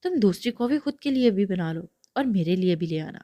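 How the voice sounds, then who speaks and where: A woman's voice: medium pitch, lively intonation, mellow, no room sound, studio quality, lightly acted. A woman reading aloud, voicing a kind elder brother who speaks soothingly. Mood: gentle. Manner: soothing, affectionate.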